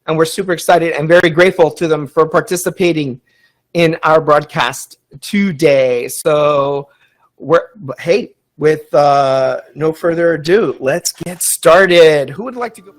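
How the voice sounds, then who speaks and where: A man with a fairly high voice hosts a live podcast. He sounds eager and talks loosely, filling pauses with ums and uhs. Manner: enthusiastic, rambling, frequent ums and uhs. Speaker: podcast host. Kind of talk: casual live-stream hosting.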